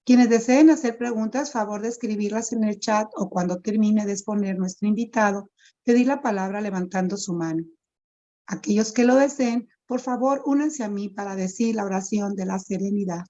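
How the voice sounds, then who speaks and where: Over a video call, a woman moderates a support group meeting, reading the opening statements and prayer in a measured, formal manner. Her voice is medium-pitched and warm, though the audio sounds dull.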